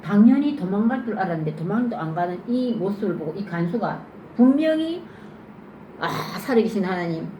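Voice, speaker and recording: In church, a woman teaching a children's sermon moves briskly through an interactive Bible story, questioning the kids in a lively way and acting out scenes. Her pitch is medium. The church room is echoey, and there's faint noise in the recording.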